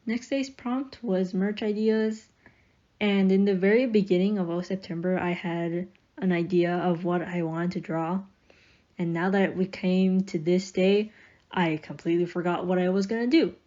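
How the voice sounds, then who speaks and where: A woman's voice: lowish voice, fairly even intonation, moderate pace, dark tone, dull audio. A young woman casually narrating a speedpaint voiceover, chatty and rambling, with fillers and light laughs. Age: young adult.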